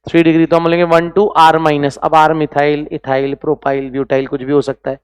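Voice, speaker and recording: A man's voice: on the high side, completely flat delivery, brisk, clear, resonant tone, no echo. A man teaching chemistry in an online class, constantly quizzing students with rhetorical questions and mixing in English phrases, with scolding, motivational asides. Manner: mixes Hindi with English phrases.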